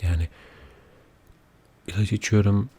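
A man speaking quietly at night in a soft-spoken, confiding ASMR chat, unhurried and often dropping close to a whisper. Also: lowish voice, steady tone, breathy edge. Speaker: ASMR video creator. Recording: audible background noise.

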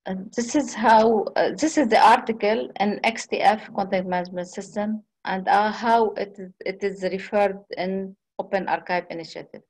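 A woman giving a conference presentation on a video call, speaking haltingly with frequent restarts and pauses. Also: medium pitch, fairly even intonation, a little mellow, low-quality recording.

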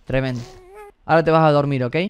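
A young man, joking and swearing in excitable let's-play commentary. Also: on the high side, fast talker, slight background noise. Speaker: gaming streamer.

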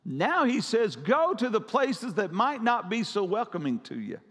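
A man's voice: high-pitched, sing-song, measured pace, a bit bright. A man preaching a sermon as pastor, urgent and repetitive, pressing his listeners. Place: church sanctuary. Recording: long church hall reverb.

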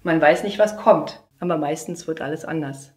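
A young woman trainee teacher performing a humorous slam poem, telling a classroom story in a lively way with sudden shouts. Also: low-pitched, normal speed, a little hiss or hum. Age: young adult. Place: theater stage. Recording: roomy echoey stage sound.

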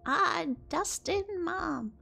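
A grumpy old opossum granny, put on by a woman playing a game speaks in a high, creaky voice. She is foul-mouthed and distrustful, drawling slowly in broken grammar over soft music. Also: lively intonation, exaggerated voice. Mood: matter-of-fact.

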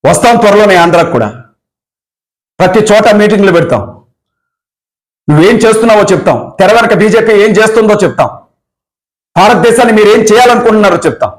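A man's voice: high voice, lively intonation, fast talker, pauses often, rough recording. A man giving a fiery, confrontational political speech, firing off accusing rhetorical questions. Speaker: activist leader.

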